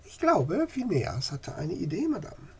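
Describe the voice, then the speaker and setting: Man voicing eager young woman, impulsive, raised pitch, husky. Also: huge pitch swings, a little slow, full character voice. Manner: blurting, bright and pushy.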